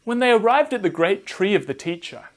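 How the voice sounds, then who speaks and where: A storyteller and host narrates a scripted Bible story for children, expressive and addressing listeners directly. His voice is high-pitched and fairly quick.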